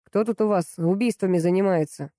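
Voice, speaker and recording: A woman's voice: mid-range voice, a little fast, mellow, no room sound, clean studio sound, natural voice. A woman doing a growling, domineering boss. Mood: stern. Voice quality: growling, gruff. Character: angry blunt rich man, domineering boss.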